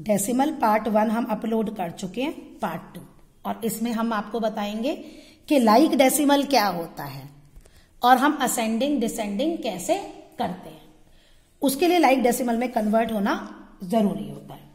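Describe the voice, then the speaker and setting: A woman's voice: fairly high pitch, lively intonation, moderate pace, a little mellow, long reverb tail. A woman math teacher explaining a lesson step by step, asking her students questions and answering them herself. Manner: patient, asks and answers her own questions. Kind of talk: classroom-style tutorial explaining at a board.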